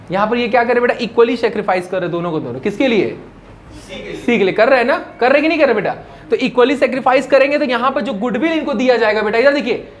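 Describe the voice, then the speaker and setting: A male commerce teacher giving a classroom lecture, asking his students questions and answering them himself, calling them "beta" and mixing English terms into his explanations. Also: high voice. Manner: calls students "beta" affectionately. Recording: faint background noise.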